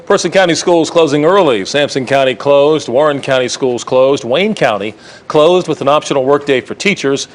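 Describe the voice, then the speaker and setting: A man's voice: on the high side, normal speed. An American man anchoring a TV newscast, reading scripted news.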